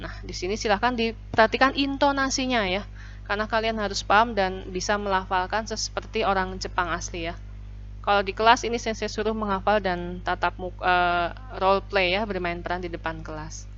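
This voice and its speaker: A woman teaching a language class, patiently explaining vocabulary and repeating phrases slowly for students. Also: mid-range voice, steady tone, fairly bright tone. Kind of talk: online classroom lesson. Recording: dull lo-fi recording.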